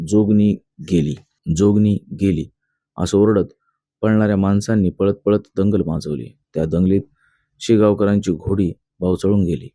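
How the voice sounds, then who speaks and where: A man's voice: low voice, mellow, no room sound, studio quality. A man reading a novel aloud as a narrator, telling the story steadily and voicing the characters' lines himself. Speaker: audiobook narrator.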